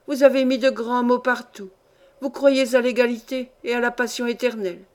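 A woman's voice: a little high, steady tone, normal speed, lightly acted. A woman reading a story aloud, voicing an indignant, worldly old grandmother who lectures her granddaughter with scorn. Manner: scornful, lecturing, sweeping tirade. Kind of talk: audiobook reading.

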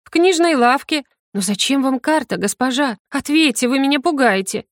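A high, breathless little voice of a frightened teenage maid, as a woman reader puts her on. She pleads and frets in an anxious rush. The audiobook sound is close and dry, with no room around it. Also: lively intonation, moderate pace, dry recording. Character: timid tearful teenage girl servant. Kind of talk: audiobook character voice.

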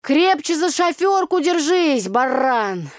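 Lady doing a brash village girl, loud and high, tossing out proverbs, dry close sound. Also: animated, a little slow, dry recording. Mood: boisterous. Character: lively village girl full of folk sayings.

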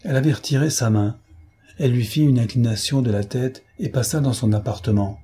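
Very husky, dark male narrator. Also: mid-range voice, fairly quick. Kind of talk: audiobook reading of a classic novel.

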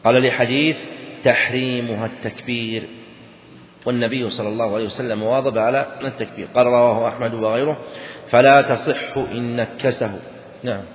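A man's voice: mid-range voice, fairly even intonation. Man teaching in an echoey hall. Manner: deliberate, repeats key phrases, asks students "clear?". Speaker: Islamic law teacher. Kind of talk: explaining a read text in a lesson. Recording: dull echoey hall recording.

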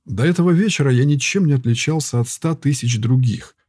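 A man reading an audiobook voices a weary former warrior turned herbalist, talking softly and patiently with frequent sighs. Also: medium pitch, a little fast, slightly rough, no echo, clean studio sound, natural voice. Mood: reasoning. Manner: soft, patient, sighing.

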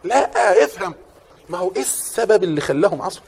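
An Egyptian man delivers an impassioned sermon at a rapid clip. His voice is husky and sits a little high, and he moves from quiet, almost whispered reflection to loud, forceful calls. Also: big pitch swings. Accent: Egyptian Arabic. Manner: impassioned, swings from hushed to shouting. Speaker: preacher.

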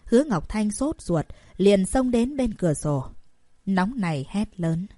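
A woman reads a story aloud in a steady, even storytelling manner. Her voice sits at a middle pitch. The recording is dry and close, with no room sound. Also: measured pace, no echo. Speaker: audiobook narrator. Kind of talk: scripted narration.

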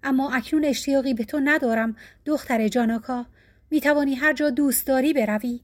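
A woman's voice: high voice, lightly acted. A woman voicing a noble young male hero-king in a storybook, speaking in formal, solemn words. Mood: stern.

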